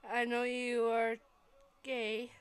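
A woman voicing a pushy, friendly adult woman who plays matchmaker, with halting, insistent delivery in an amateur fan-fiction reading. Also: fairly high pitch, completely flat delivery, smooth, faint music behind. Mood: urging.

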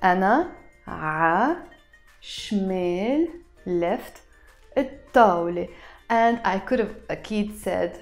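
A woman teaching a language lesson, saying each phrase carefully and then repeating it faster. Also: medium pitch, lively intonation, soft background music.

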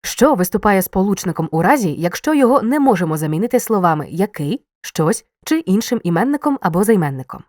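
A woman reading a scripted grammar lesson, explaining clearly and stressing key words. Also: mid-range voice, big pitch swings, fast talker, hardly any pauses, a little mellow, no echo, studio quality. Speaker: teacher.

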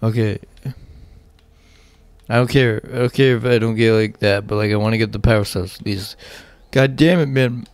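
A man's voice: lowish voice, fairly even intonation, normal speed, smooth, no echo. A man giving casual, rambling let's play commentary, swearing often and talking to himself as he plays. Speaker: gaming channel host.

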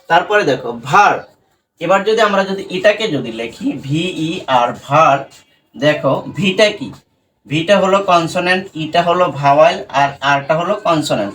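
A man's voice: sits high, fairly bright tone. A man with a Bangladeshi accent teaching English pronunciation to students. He patiently spells words out letter by letter and asks and answers his own questions. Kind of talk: spoken lesson to students. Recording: distant mic with faint background hiss.

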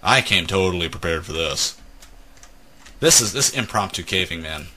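A man's voice: low-pitched, lively intonation, moderate pace, sharp tone, a little hiss or hum. A man hosting a let's play, chatting casually and telling jokes while gaming. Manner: joking, teasing storyteller. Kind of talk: casual gameplay chat.

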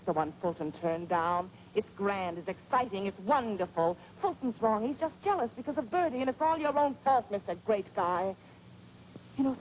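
A woman's voice: medium pitch, darkish tone, slight background noise, natural voice. An actress playing a blunt, outspoken woman in a 1940s film, scolding and emphatic. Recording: dull old film soundtrack.

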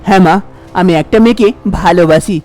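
A woman's voice: lowish voice, quick pace, dark tone, voice pushed down, lightly acted. A woman voicing an anxious young man in a cartoon, pleading and worried.

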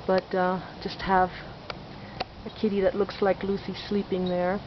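A woman's voice: mid-range voice, level tone, a little slow. A woman giving a chatty, self-deprecating walking tour of her sunny backyard garden, narrating as she goes. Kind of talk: casual walking video tour. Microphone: handheld camera mic. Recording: dull lo-fi camcorder audio with outdoor noise.

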